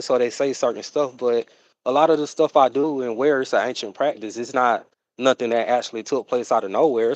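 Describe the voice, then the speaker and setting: A man's voice: mid-range voice, no echo, lo-fi sound. Rambling man on a dry livestream. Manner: rambling, drawn-out, full of fillers and "you know what I'm saying". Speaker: livestream host. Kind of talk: casual livestream chat.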